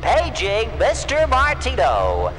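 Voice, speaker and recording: A soft, distant public address announcer. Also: male voice, high-pitched, faint music behind, exaggerated voice. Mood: formal. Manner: slow, even, formal paging delivery. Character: calm male cruise ship paging announcer. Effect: soft public address announcement heard from afar. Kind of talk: video game voice acting.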